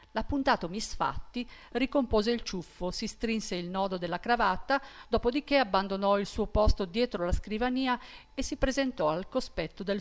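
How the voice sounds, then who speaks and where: A woman reads a passage of a novel aloud with clear, attentive narration. Her voice sits at a middle pitch. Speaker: reader. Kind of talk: literary reading aloud.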